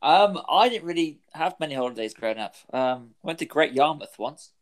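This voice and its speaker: A young man telling personal anecdotes in a casual, halting way. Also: fairly high pitch, lively intonation. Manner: hesitant, halting delivery. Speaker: podcast speaker.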